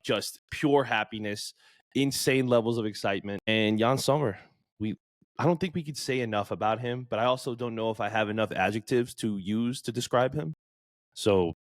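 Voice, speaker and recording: A man's voice: fairly low pitch, no room sound. A man co-hosting a casual sports podcast, talking enthusiastically in a loose, filler-heavy way. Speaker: podcast co-host.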